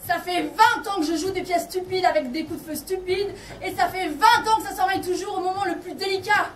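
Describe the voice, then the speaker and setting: Brief: woman as an exasperated, loud veteran stage actor, very high voice, echoey room. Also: steady tone, a little fast, a little hiss or hum. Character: harried female stage actor, fed up. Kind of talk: live stage comedy. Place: theatre stage. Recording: echoey hall from far off, with music.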